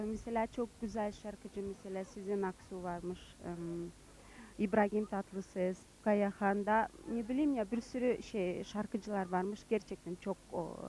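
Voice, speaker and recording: A young woman from Kyrgyzstan with a Kyrgyz accent, giving an interview in halting, non-native Turkish as a student. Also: medium pitch, warm tone, poor audio. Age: young adult. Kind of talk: informal on-camera interview.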